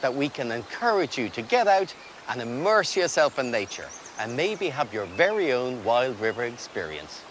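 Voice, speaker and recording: A male presenter of a wildlife programme, mid-pitched with a very lively, swooping delivery. There is faint noise behind him. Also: normal speed, rough recording. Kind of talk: wildlife magazine show presenting.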